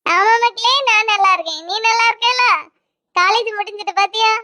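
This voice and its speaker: A voice actor playing a middle-aged aunt with a Kanyakumari accent who talks in a drawn-out, singsong way in a cartoon. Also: female voice, very high-pitched, pushed and bright. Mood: chatty. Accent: Kanyakumari Tamil. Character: chatty, slow-talking aunt visiting family.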